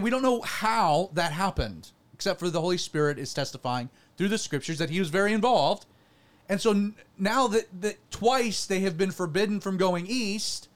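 A man hosting a talk show, teaching casually from scripture, reading passages aloud with asides and often clearing a frog in his throat. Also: high voice.

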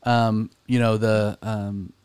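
A man's voice: on the low side, little pitch movement, takes it slowly, darkish tone, clean tone, dry recording. A man hosting a casual podcast conversation, a chatty interviewer who often jumps in. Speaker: host. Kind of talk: casual chat.

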